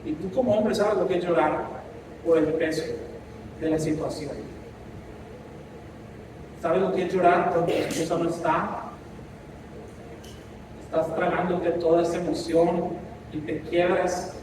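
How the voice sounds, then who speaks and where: A man's voice: high voice, steady tone, measured pace, pauses often, background noise. A man preaching a sermon as pastor, impassioned and mixing in asides. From Mexico. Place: church. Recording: echoey church hall from a distance.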